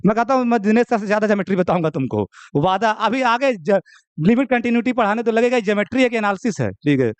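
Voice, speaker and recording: Chatty high-voiced teacher. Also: male voice, animated, fast, clean tone, dry recording. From India. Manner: chatty, teasing, keeps saying "okay". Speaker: maths teacher. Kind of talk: classroom lecture.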